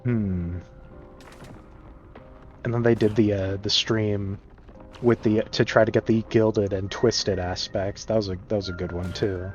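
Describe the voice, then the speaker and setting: A man's voice: lowish voice, steady tone, a little slow, long pauses, a little mellow, lo-fi sound. A man streaming a game and chatting casually, rambling with many fillers and frequent chuckles. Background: game music.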